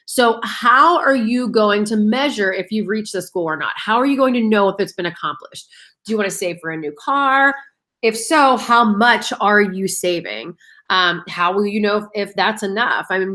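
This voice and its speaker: A woman's voice: medium pitch, a bit bright. Chatty 30s woman giving a casual team pep talk on goals, calls everyone guys. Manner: chatty and upbeat, addresses listeners as guys. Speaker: direct sales team leader.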